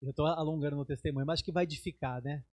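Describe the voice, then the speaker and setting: A man's voice: very fast, dry recording, clean studio sound. A middle-aged Brazilian man preaching as a bishop, telling a personal testimony and acting out the dialogue in a raised voice. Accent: Brazilian Portuguese. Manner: animated storytelling, acts out dialogue in raised pitch. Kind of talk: sermon testimony.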